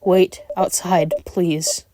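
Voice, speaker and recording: A woman's voice: lowish voice, little pitch movement, drawn-out words, very noisy. A woman reading a shaken police officer. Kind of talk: reading visual novel dialogue aloud.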